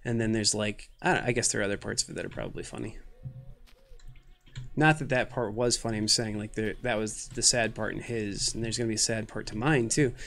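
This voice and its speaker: A man's voice: lowish voice, fairly even intonation, brisk, creaky, a bit bright. A man of thirty streaming a game, chatting with viewers in a rambling, self-mocking, jokey way, tired and a little loopy from too little sleep and too much caffeine. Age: 30s. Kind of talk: casual live-stream commentary.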